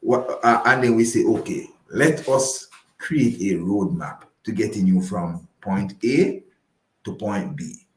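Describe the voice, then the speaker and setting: Slow and lowish, this Jamaican-accented man's voice comes through a reverberant, low-quality recording. On the radio as a guest, he talks through personal finance conversationally, driving points home emphatically, repeating himself, and frequently making sure the listener is following.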